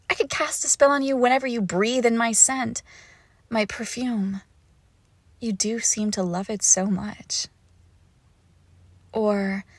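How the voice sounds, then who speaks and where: A woman's mid-range voice, recorded dry, brings a lovesick, possessive witch to life in intimate ASMR, teasing and coaxing her captive through soft speech and slow whispers. The tone is seductive yet menacing.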